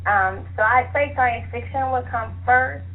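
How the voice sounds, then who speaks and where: Over a tinny phone line with clear hiss, a woman with a fairly high voice is interviewed as an author on an internet radio show. She talks at a measured pace, chatty and enthusiastic, laughing easily.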